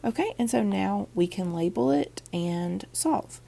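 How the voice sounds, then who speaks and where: A woman's voice: mid-range voice, lively intonation, measured pace, dark tone. A woman teacher with a groggy voice from a cold, chatting through a math lesson with lots of ums and okays. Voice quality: gravelly, husky. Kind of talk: recorded online math lesson.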